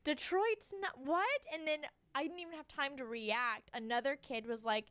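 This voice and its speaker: A woman's voice: a little high, brisk, sharp tone, clean tone, no echo. A woman co-hosting a podcast, telling stories in casual chat with lots of fillers and restarts. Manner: chatty storyteller, many fillers. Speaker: podcast co-host.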